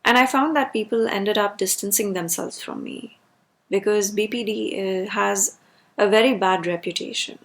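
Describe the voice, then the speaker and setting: A woman speaks in an ordinary mid-range pitch with a strongly creaky, fried edge. She delivers a personal rant as a video creator. Her phrasing is emphatic, with key words repeated for stress. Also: moderate pace, a bit bright.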